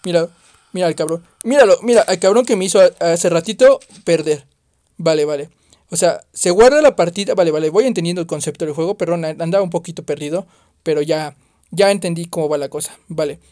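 A man doing excitable let's play commentary on a horror game, exclaiming and swearing at the scares. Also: a little high, brisk, no room sound, studio quality. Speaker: gaming youtuber.

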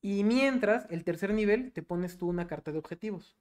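A young Mexican man co-hosting a podcast, talking casually and swearing freely. He tells his story with animation, in an easy, relaxed chat. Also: high-pitched, normal speed. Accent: Mexican Spanish. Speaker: podcast co-host.

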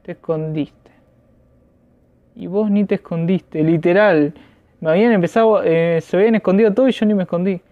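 A man's voice: high voice, moderate pace, phone-quality sound. A man with a Rioplatense Argentine accent giving casual let's play commentary, slangy and swearing, yelping when scared. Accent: Rioplatense Argentine Spanish. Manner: slangy, swears, yelps in panic. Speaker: gamer.

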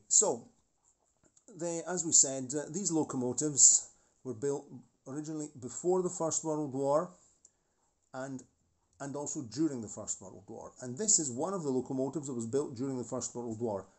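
A man's voice: medium pitch, moderate pace, mellow. A man in his forties hosting a model railway channel, talking casually and rambling about a model locomotive, with many restarts and asides. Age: 40s.

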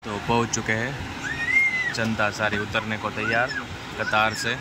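A man in his thirties narrates a casual travel vlog in a fairly low, monotone, unhurried voice, chatty and informal as he guides viewers through a flight and an airport. He films on a phone at arm's length, first inside a small plane and then outdoors, and the recording is noisy with engine and outdoor sounds.

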